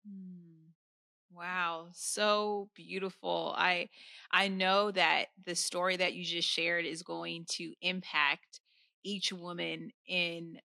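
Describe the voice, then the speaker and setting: A woman hosting a faith podcast, encouraging her listeners and gently asking her guest questions. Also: fairly low pitch, level tone, slow, vocal fry, dry recording. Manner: warm encouraging, addresses listeners as friends. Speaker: podcast host.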